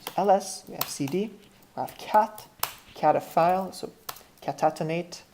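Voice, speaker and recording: Low, mellow woman with a French accent. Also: moderate pace, creaky, slight background noise. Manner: thinks aloud, restarts and self-corrects often. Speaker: tutorial instructor. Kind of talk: screen-share software tutorial.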